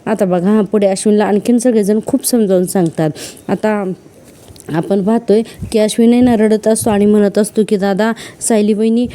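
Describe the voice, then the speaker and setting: A woman's voice: medium pitch, steady tone, moderate pace, mellow. A woman chattily retelling a television serial episode, with lots of fillers. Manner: chatty, filler-heavy storytelling.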